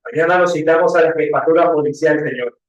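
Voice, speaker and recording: A man voicing a stiff, formal male civil guard who speaks curtly and slowly. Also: a little high, highs cut off, close to an everyday voice. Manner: curt and formal. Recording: echoey room.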